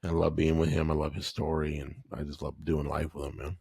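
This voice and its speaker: A man's voice: a bass voice, level tone, fairly quick, gravelly, a little mellow, slightly rough, dry recording, clean studio sound. A man in his forties chatting casually as a podcast guest, slangy and laughing often as he tells stories. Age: 40s. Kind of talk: casual storytelling chat.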